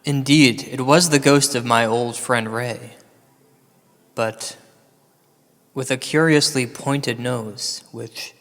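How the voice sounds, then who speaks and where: A storyteller with a medium-pitched voice delivers a slow, comedic ghost story, partly recited as verse. He is deadpan and hesitant, with mock-gothic dramatic pauses. Long hall reverb sits over the background music.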